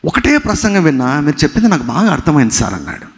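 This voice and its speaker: A male pastor preaching an emphatic sermon, swinging from soft passages to loud ones and mixing in English phrases. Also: a little high, wildly swooping pitch, very fast. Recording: long hall reverb.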